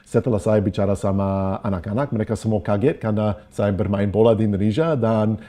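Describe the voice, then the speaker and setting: A man's voice: lowish voice, steady tone, brisk, dark tone. A man with an Australian accent, a native English speaker talking in Indonesian as a foreigner and slipping in English words, in a conversational interview. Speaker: interview guest, former footballer and sports diplomacy advocate.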